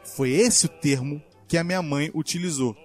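Animated man from Rio telling a story. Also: on the high side, normal speed, faint music behind. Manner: animated, acts out his mother's lines. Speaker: podcast co-host. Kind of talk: casual storytelling.

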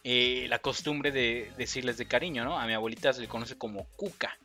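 A man's voice: medium pitch, fairly quick, pushed and bright, soft background music. A young man with a Mexican accent, co-hosting a casual chat, slangy and joking, laughing often. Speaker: co-host.

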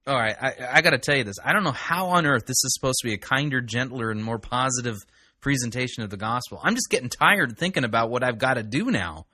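A man's voice: medium pitch, expressive, fast talker, sharp tone, breathy edge, no room sound, clean studio sound. A man hosting a talk show, critiquing a recorded sermon in a mocking, exasperated tone. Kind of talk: sarcastic commentary.

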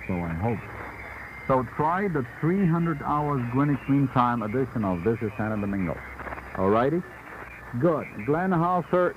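A male radio announcer heard over a fading shortwave broadcast, talking informally on air in a halting way with many pauses and fillers. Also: lowish voice. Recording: muffled shortwave radio with static.

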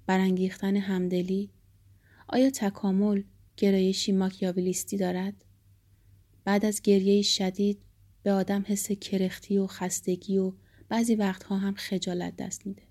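Mellow-voiced woman narrating an audiobook. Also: medium pitch. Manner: steady, reflective reading. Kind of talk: first-person audiobook narration.

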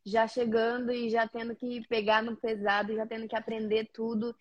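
The muffled recording captures a Paraná woman who cleans houses, talking as a guest on a casual video-call interview. Her slightly high voice keeps a level tone at a moderate pace, friendly yet slightly nervous, with lots of fillers.

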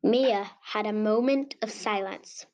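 A woman narrating a home-made children's story in a slow, earnest way. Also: mid-range voice, darkish tone, rough recording.

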